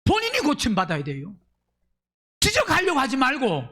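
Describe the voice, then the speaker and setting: Lively high-pitched male pastor preaching. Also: moderate pace, breathy edge. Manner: fires rhetorical questions at the congregation; swings between loud emphatic bursts and low asides. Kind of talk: Sunday sermon.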